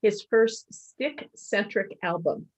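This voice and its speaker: Husky-voiced woman co-host. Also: mid-range voice, slow pace, a little mellow. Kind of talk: casual interview chat.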